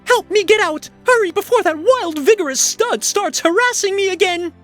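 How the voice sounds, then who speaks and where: A man putting on a melodramatic falsetto young woman, a damsel in distress in a video game. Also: lively intonation, moderate pace, fairly bright tone, soft background music. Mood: panicked, pleading.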